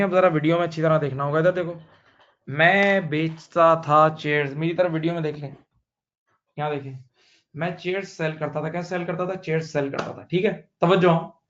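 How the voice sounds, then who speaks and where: A man's voice: fairly high pitch, a little mellow, dull audio. A man teaching accounting, asking his students questions and answering them himself, repeating each point and telling a story to explain it. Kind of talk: classroom lecture.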